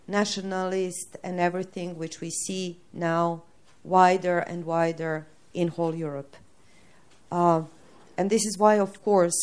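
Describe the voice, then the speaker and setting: Woman activist, emphatic audience comment, lowish voice. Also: a little mellow. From Serbia. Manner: earnest, emphatic. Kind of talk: public comment and question.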